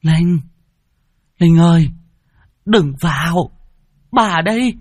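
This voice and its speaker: A man voicing a frail, gentle old grandmother. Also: on the high side, slow pace, no echo, studio quality, voice pushed up. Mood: urgent calling. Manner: calling out, then soft and quavering.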